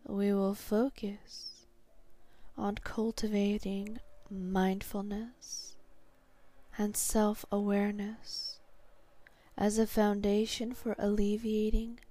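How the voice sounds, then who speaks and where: A woman guiding a hypnosis meditation in a calm, soothing, meditative tone, soft and breathy, sinking toward a whisper at phrase ends. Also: medium pitch, slow. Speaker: hypnotherapy guide.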